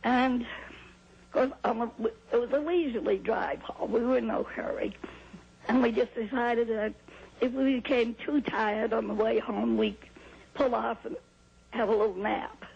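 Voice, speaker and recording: An older woman from New Hampshire calmly recounting a personal experience in an interview, heard on an old VHS tape. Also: on the high side, measured pace, gravelly, breathy edge, highs cut off. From New Hampshire, USA. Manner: calm, plain storytelling with small laughs and restarts. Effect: old VHS tape sound. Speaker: interview guest.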